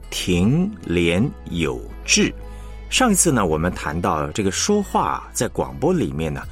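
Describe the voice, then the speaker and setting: A man hosting a radio lesson on announcing technique, explaining patiently and reading example sentences slowly with clear pauses. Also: lowish voice. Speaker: radio broadcasting teacher and host.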